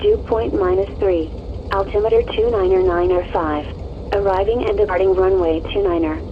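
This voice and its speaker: Rich: An automated airport weather broadcast in a woman's voice comes through muffled radio audio with a faint hiss underneath. She recites letters and numbers phrase by phrase in a measured, even way, at a middle pitch. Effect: automated airport weather broadcast over aircraft radio. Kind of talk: recorded information announcement.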